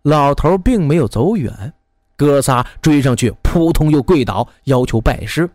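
A man telling a folk tale in a lively, expressive way, acting out many characters. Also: a little high, a little slow, no echo, studio quality. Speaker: storyteller. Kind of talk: animated folk storytelling.

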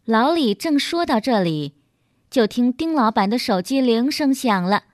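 A woman narrating a scripted story in a lively, expressive way. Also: fairly high pitch, measured pace, no echo, studio quality.

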